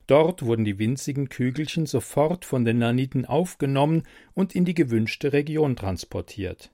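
A man narrating a story in a calm audiobook reading. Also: mid-range voice, normal speed, no echo, studio quality.

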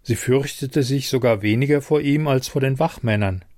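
A man narrating a story in a measured, steady audiobook reading. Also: mid-range voice, no echo, clean studio sound.

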